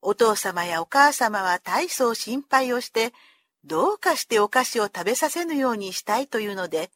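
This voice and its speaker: Expressive woman reading a children's story. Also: on the high side, moderate pace. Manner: expressive, voices the characters.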